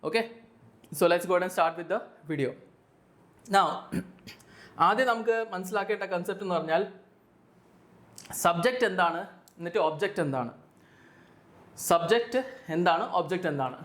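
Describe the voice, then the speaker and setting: Male grammar teacher, Malayali accent, high-pitched, drills terms through self-answered questions. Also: moderate pace, pauses often, a bit bright. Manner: repeats key terms, asks and answers own questions. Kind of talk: classroom explanation mixing two languages.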